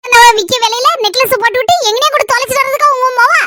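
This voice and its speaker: In a family comedy skit, a woman with a Kanyakumari Tamil accent grumbles at length as a harried housewife and mother full of complaints. She speaks very fast in a very high, pushed, bright voice, with a little hiss or hum on the recording.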